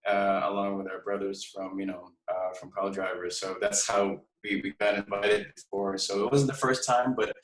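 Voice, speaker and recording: A man from Hong Kong, a guest musician chatting casually in an interview, relaxed and hesitant with many pauses and fillers. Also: sits low. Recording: echoey room, far from mic.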